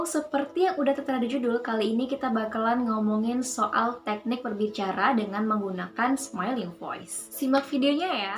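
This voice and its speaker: Upbeat young woman with a light high voice. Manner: cheerful, upbeat, explanatory. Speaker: voice-over coach and channel host. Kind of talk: casual tutorial talk.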